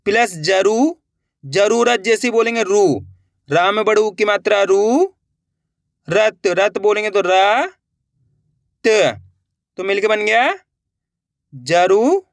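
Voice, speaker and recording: Man, high voice, dry close sound, patient spelling teacher, asks and answers himself. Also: takes it slowly, gravelly, long pauses, no room sound. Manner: repeats each word, asks and answers his own questions. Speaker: Hindi writing teacher. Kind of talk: slow step-by-step spelling lesson.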